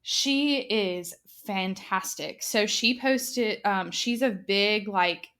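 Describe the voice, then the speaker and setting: A woman's voice: mid-range voice, slow pace, a bit bright, smooth. Chatty woman in her twenties. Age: 20s. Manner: chatty, many fillers. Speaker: podcast host. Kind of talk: casual chat.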